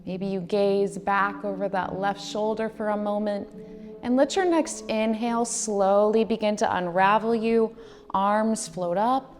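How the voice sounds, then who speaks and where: A woman in her thirties leads a guided meditation in a reverberant space with faint music behind her. Her pitch is mid-range, and she gives soothing, measured instructions with gently drawn-out phrases. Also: fairly even intonation. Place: indoors, decorated studio room.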